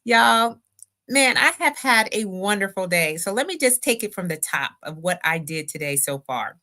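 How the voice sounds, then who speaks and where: Exuberant bright-voiced woman in her fifties. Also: medium pitch, expressive, normal speed. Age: 50s. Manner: exuberant, chatty, reads viewer comments aloud. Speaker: talk show host. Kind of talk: livestream birthday talk show. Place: home room with book display.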